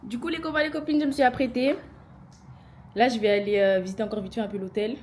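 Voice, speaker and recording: A woman's voice: on the high side, quick pace, a little hiss or hum. Chatty young woman vlogging. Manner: chatty, excitable, self-talking asides. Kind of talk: casual vlog chat to camera. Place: hotel room, later rooftop pool. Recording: loud music behind.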